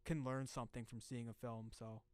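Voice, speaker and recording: A polite young man hosting a casual interview podcast, measured and earnest. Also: mid-range voice, flat delivery, clean tone, no room sound. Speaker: podcast host.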